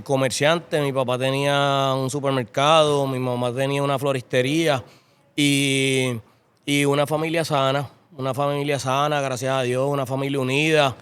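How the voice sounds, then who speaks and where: Middle-aged Puerto Rican man, interview guest, relaxed, repeats himself, smooth voice. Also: medium pitch. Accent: Puerto Rican Spanish. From Puerto Rico. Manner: repeats phrases, relaxed and thankful. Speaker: interview guest, horse breeder. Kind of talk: casual interview.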